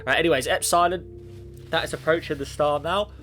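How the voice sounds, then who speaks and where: Fairly high-pitched and steady, his slightly bright voice moves at a fairly quick clip. The man, a gaming YouTuber with a sniffly cold, rambles through casual space sim commentary, fixing his own words and talking to the game as clear background music runs.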